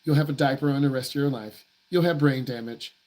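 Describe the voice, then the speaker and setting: A man's voice: mid-range voice, a little fast, darkish tone. A man who works as a driving instructor answers viewer questions on a live stream in a blunt, emphatic way. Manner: blunt, emphatic, repeats himself for stress.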